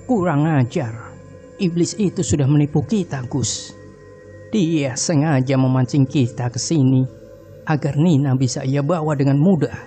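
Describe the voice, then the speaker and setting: A man voicing an angry old male village mystic with a raised, strained shout in a horror story. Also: medium pitch, steady tone, measured pace, soft background music, close to an everyday voice. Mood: furious.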